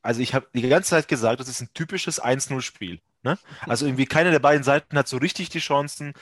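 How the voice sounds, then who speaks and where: A man's voice: mid-range voice, fast talker, no echo, clean studio sound. A man hosting a football podcast, casually talking through a match and thinking aloud as he goes. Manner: analytical, thinks aloud with restarts.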